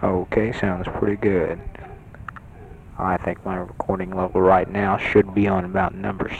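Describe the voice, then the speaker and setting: A young man in a hospital bed keeps his voice down, rambling with many fillers through a personal audio letter home. His deep voice is creaky and sing-song at a measured pace. A portable tape recorder mic held close gives a dull lo-fi sound with a little hiss or hum, and other patients talk in the ward.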